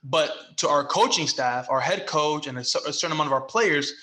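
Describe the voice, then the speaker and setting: A young man co-hosting a podcast, telling a baseball story in casual chat and loudly acting out the quotes. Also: fairly high pitch, brisk. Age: young adult. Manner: animated, acts out quotes loudly. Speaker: podcast co-host, former baseball player. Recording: echoey room.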